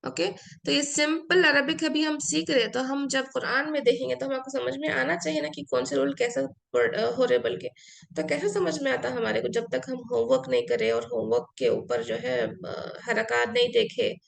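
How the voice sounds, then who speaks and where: A woman's voice: sits high, moderate pace, vocal fry. A woman teaching an Arabic class, explaining patiently, repeating key words and slipping into English phrases; her first language is Urdu. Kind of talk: online class lecture.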